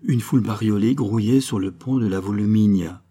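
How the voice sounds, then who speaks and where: A male audiobook narrator reading a novel aloud, measured and expressive. His voice sits low with a mellow, dark color and a husky edge.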